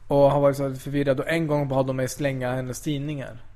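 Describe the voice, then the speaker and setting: A man chatting casually on a podcast, telling an animated story and acting out what everyone said. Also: mid-range voice. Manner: animated storyteller, quotes people with "jag bara". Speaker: podcast co-host. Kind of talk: casual chat, anecdote telling.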